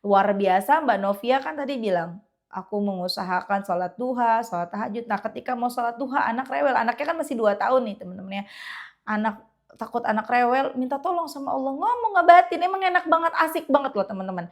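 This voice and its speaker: A young woman speaks in a slightly high, animated voice. Her religious encouragement sounds like a casual chat with viewers. She shifts between excited asides and hushed prayer. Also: fast talker. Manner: chatty, animated, slips into quoted prayers. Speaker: religious content creator. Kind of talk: casual motivational talk to viewers.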